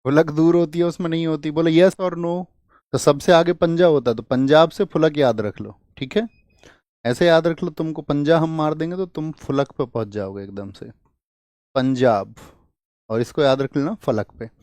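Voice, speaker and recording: He's a young online tutor prepping students for exams, with a darkish, higher-than-average voice at normal speed and no echo. He throws out questions, answers them himself, and hammers key words home with repetition and memory tricks.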